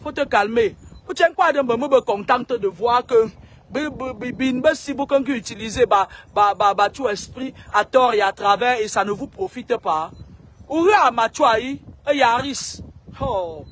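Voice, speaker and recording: A woman's voice: fairly high pitch, moderate pace. A woman speaking straight to camera in a long, scolding monologue. She repeats herself and stammers on words as she goes. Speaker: self-styled seer.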